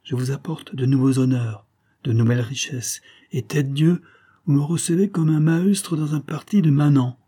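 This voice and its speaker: A man reading an audiobook, voicing a brutal, raging middle-aged nobleman count who blusters loudly. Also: a little high, normal speed, slightly rough, pitched above the performer's own voice. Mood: feigned gentleness. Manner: loud and blustering.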